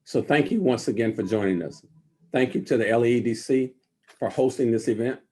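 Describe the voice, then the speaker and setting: A man's voice: mid-range voice, brisk, a little mellow, husky. A man, a university president, giving formal remarks and handing over to the next speaker. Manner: formal, gracious.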